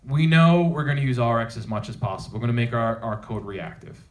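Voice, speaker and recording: A conference speaker gives a technical talk to a live audience in a developer meetup theater, talking fast in a medium-pitched voice with fairly even intonation. He speaks informally and emphatically, using rhetorical questions.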